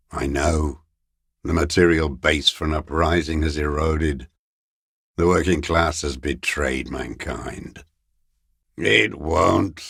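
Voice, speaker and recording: An actor voicing a bitter, broken old communist deserter in a video game, gravelly and husky, speaking in slow, halting, grave rhetoric. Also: male voice, rumbling low, fairly bright tone, no echo, clean studio sound, full character voice. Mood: bitter, resigned, then contemptuous, defiant. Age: older. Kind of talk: dramatic monologue, game voice acting.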